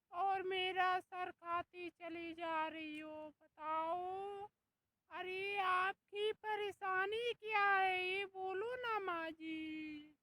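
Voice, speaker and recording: A performer voicing a sulky, sharp-tongued young daughter-in-law with a Bhojpuri-tinged accent in a comic skit, whiny and complaining. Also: extremely high pitch, dry recording, full character voice. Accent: Bhojpuri-tinged Hindi. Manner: complaining, wheedling, talks back.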